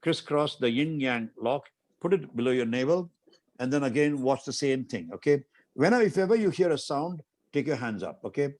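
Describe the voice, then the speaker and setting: A man's voice: medium pitch, expressive, normal speed, darkish tone. A middle-aged man from India guiding a guest through exercises in an interview, commanding and coaxing, repeating short instructions. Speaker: martial arts master guiding an interview demonstration. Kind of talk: instructing over a video call.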